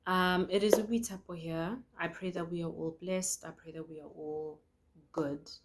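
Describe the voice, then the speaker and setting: A woman's voice: on the low side, steady tone, moderate pace, very noisy. Earnest woman sharing a prophetic dream. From South Africa. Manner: earnest, conversational, with frequent fillers and restarts.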